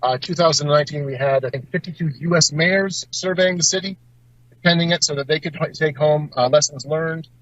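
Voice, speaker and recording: A man's voice: fairly high pitch, fairly quick, fairly bright tone, no echo. Dull lo-fi field report from a man. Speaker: on-site correspondent. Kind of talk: informal live field report, answering an interviewer. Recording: dull, lo-fi remote call audio.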